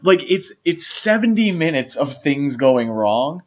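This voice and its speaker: On slightly dull, lo-fi podcast audio, a male co-host talks about film casually, explaining things with enthusiasm. His voice is fairly high and sing-song, and he speaks a little slowly.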